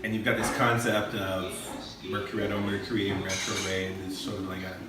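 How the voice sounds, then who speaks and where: Male host, lowish voice, hesitant questioner, distant mic with lots of room echo and music under. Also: level tone, a little fast, noisy background. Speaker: interview host. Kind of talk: casual interview questions. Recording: echoey room from far off, music behind.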